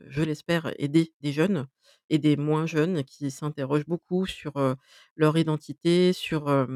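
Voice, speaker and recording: A woman in her forties hosting a podcast interview recorded remotely, asking friendly, measured questions with frequent hesitations. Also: low-pitched, a little mellow, no echo. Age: 40s. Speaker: podcast host. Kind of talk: conversational interview.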